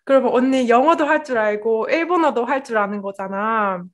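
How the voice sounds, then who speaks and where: A woman's voice: a little high, expressive, fairly quick. A young adult woman from South Korea acting as interviewer in a casual, informal chat.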